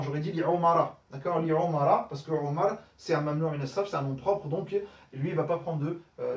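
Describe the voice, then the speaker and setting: A man teaches Arabic grammar in French, correcting exercises step by step with lots of fillers and frequent checks that students understand. His voice is on the high side with a darkish tone, and he's somewhat off-mic in an echoey room.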